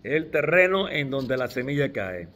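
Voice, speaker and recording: A man's voice: mid-range voice, big pitch swings, unhurried, fairly bright tone. A middle-aged man preaching a sermon, stressing key words with restarts along the way.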